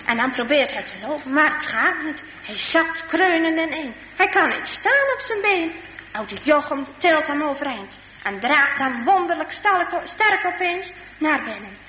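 A woman with a high-sitting voice reads a children's story aloud, slightly slowly, with expressive, dramatic storytelling. She is in an echoey hall with faint background noise.

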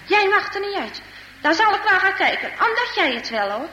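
A gruff, short-tempered old grandfather scolds and grumbles through a storybook tale, voiced by a woman reading aloud. The voice rides high and bright, swinging up and down, and rings with a long hall echo over faint background noise. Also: sing-song, moderate pace, heavily acted. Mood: grumbling.

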